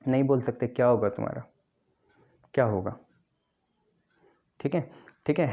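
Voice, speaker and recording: A man's voice: mid-range voice, warm tone, lo-fi sound. A man teaching a chemistry lesson, quizzing his students and repeating the key terms. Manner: quizzes students, answers his own questions.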